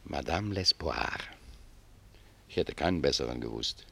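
In a German radio drama, a man plays a humble, pious old gardener who speaks reflectively and defers to his superior. His voice is a rumbling low one, animated and heavily acted, with vocal fry, a breathy edge, and a fairly bright tone. The mood is gentle and humble, the phrasing unhurried.

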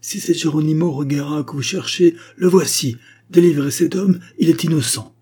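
A man voicing a brave young man in a storybook, calling out loudly and defiantly. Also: a little high, normal speed, husky, pitched above the performer's own voice. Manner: loud, defiant.

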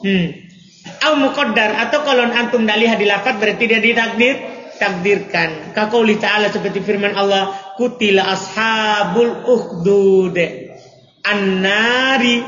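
Bright high male teacher, quizzing students, echoey hall on dull audio. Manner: questioning students, playful examples. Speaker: Arabic grammar teacher. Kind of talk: classroom lesson.

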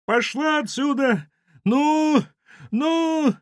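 A man voicing a coarse, bossy older woman who manages a building and screeches and scolds in a tearful high voice. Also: expressive, normal speed, a bit bright, no room sound, studio quality. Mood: screaming.

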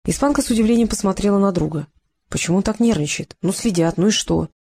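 A woman reading a novel aloud in a steady, even storytelling manner. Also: mid-range voice, fast, breathy edge. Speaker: audiobook narrator. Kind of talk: scripted narration.

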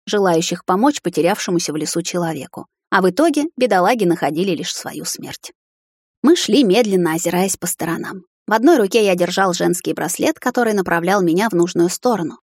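Low-voiced woman narrating an audiobook. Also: slightly rough, dry recording, clean studio sound. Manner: steady, measured storytelling.

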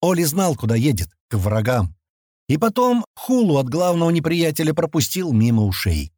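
A man's voice: fairly high pitch, very animated, normal speed, warm tone, no room sound, clean studio sound. Man reading a fantasy audiobook. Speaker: audiobook narrator. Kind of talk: scripted fantasy narration.

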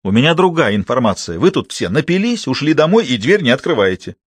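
A man voicing a hot-tempered middle-aged hospital deputy chief who shouts and bosses people around. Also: mid-range voice, brisk, husky, no echo. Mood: grumbling. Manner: shouting, excitable, bossy.

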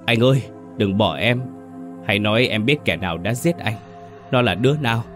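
A man's voice: lowish voice, brisk, fairly bright tone, soft background music, lightly acted. A man voicing a desperate young widow pleading in a ghost story. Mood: wailing. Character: frantic grieving young wife.

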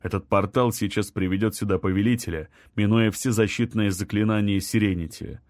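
A man's voice: fairly low pitch, steady tone, fairly quick, a little mellow, no room sound, clean studio sound, natural voice. A man voicing an irritable young wizard who speaks tensely and urgently. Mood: irritated.

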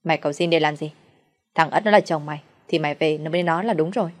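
A woman's voice: sits low, quick pace, close to an everyday voice. A woman voicing a cruel, scheming young mistress who speaks coldly and mockingly. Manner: cold, mocking.

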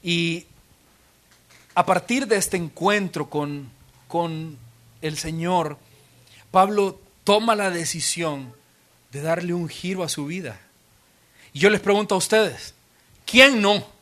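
High-voiced pastor preaching dramatically. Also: male voice, takes it slowly, pauses often, a bit bright. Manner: dramatic, vividly retelling scripture. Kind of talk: expository sermon. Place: church auditorium.

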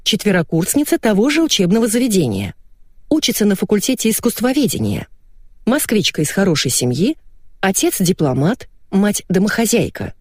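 A woman voicing a brisk, businesslike female colleague who reports facts crisply. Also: medium pitch, very animated, a little mellow, no room sound, studio quality, voice pushed up. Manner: businesslike, drawling.

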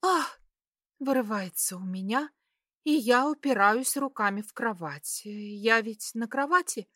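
A woman narrating a first-person romance audiobook in a slow, intimate, unhurried reading style. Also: fairly high pitch, expressive, a bit bright, dry recording, clean studio sound.

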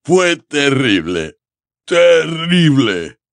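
A man's voice: fairly high pitch, sing-song, drawn-out words, no echo, studio quality, pitched above the performer's own voice, exaggerated voice. A man voicing a huge, weepy, drunken groundskeeper in an audiobook, with a mumbling, growling delivery. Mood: tearful. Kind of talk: audiobook character voice.

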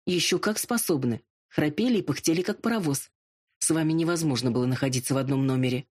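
A storybook narrator voicing a quick-witted young female detective who answers back with teasing remarks. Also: mid-range voice, slightly rough, lightly acted.

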